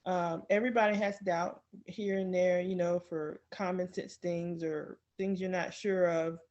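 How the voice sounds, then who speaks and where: A woman's voice: lowish voice, steady tone, measured pace, a little mellow, muffled recording. A woman guest on a podcast speaking candidly about her own experience, with many fillers, acting out her inner thoughts. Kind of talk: casual personal talk.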